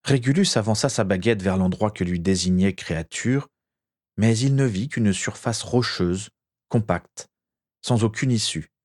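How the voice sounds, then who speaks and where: A man reading a story aloud with measured, expressive narration. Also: lowish voice.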